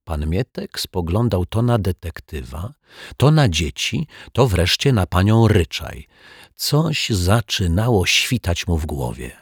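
A man narrates a children's audiobook with a deep, husky voice at an unhurried pace. His reading is steady and gently expressive, recorded dry and close. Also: dry recording.

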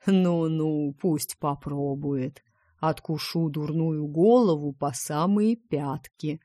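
A woman reading the part of a gruff, protective male dragon in an audiobook, talking bluntly and teasingly. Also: low voice, flat delivery, measured pace, darkish tone, no echo, clean studio sound.

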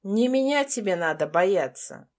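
A woman's voice: medium pitch, animated, measured pace, darkish tone, natural voice. A woman voicing a cold, domineering billionaire man in an audiobook, with curt, controlling and menacing lines. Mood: pressing.

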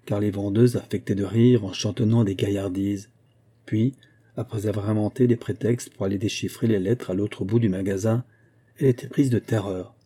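Dark husky male audiobook narrator. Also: on the low side. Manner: measured, literary. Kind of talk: scripted narration of a classic novel.

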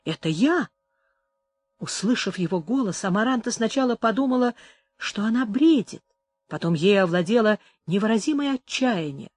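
An audiobook narrator giving a measured, expressive dramatic reading of a classic novel. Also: medium pitch, no echo.

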